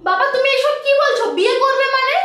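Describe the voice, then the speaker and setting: A woman playing a cheeky young adult daughter who speaks in a high, exasperated voice, recorded in an echoey room. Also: quick pace. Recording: echoey room, distant mic, noisy.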